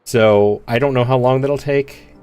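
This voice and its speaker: Slow-talking male game streamer. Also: medium pitch, fairly even intonation, a little mellow, clean tone, soft background music. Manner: wry, slightly halting. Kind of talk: casual gameplay commentary.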